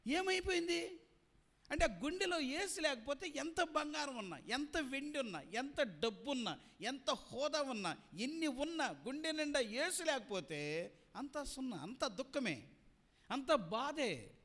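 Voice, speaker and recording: A man's voice: extremely high pitch, lively intonation, measured pace, a bit bright. A male pastor preaching a sermon, building repetitive lists with rising emphasis and asking the congregation to repeat key words. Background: congregation present.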